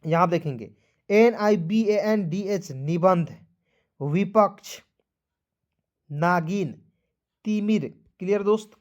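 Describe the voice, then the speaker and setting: A man's voice: high voice, slow pace, pauses often, a little mellow. A male teacher giving a beginners' spelling lesson, repeating each step and coaxing his viewers along as friends.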